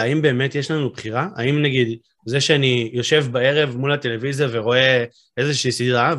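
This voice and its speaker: A man's voice: medium pitch, a bit bright. Guy hosting a chat, curious, kinda musing, lots of like and uh. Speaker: podcast host. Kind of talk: podcast interview questions.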